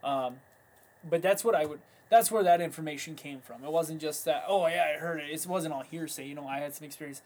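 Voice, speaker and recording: A man's voice: on the high side, fairly quick, a little mellow. A man co-hosting a casual fishing chat, talking in an easygoing, plain way. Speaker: podcast co-host.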